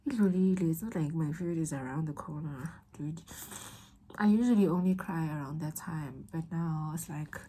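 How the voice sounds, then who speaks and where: A woman's voice: low-pitched, normal speed, dark tone, slightly rough. A young woman in an emotional, rambling confessional vlog, talking straight to her viewers as girl and babe. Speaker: vlogger.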